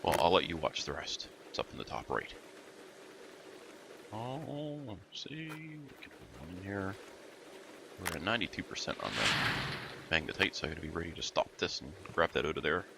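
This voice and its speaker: A deep-voiced man with a gravelly, freshly-woken morning voice talks casually through his gameplay. He rambles and mutters along to himself as he plays. A steady hiss of noise sits under the recording. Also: normal speed, long pauses. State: early-morning voice. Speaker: let's play host.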